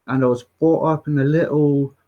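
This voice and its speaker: A man from Norfolk with a Norfolk accent touched by West Country, chatting casually and haltingly as an interview guest. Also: a little high, fairly even intonation, highs cut off. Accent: Norfolk with a little West Country. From Norfolk, East Anglia, England. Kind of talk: casual chat.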